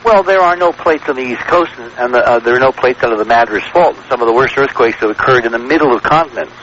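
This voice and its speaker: Speaking fast in a mid-range, fairly bright voice, an American man holds forth as a radio guest, explaining his theories in a lecturing, assertive way while confirming his points land. The vintage broadcast sounds noisy and dull.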